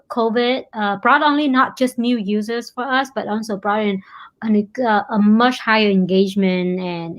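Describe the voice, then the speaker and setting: A Vietnamese woman who founded a company appears as an interview guest, speaking with a Vietnamese accent in a medium-pitched voice. She comes across as earnest and often repeats words while searching for the right ones.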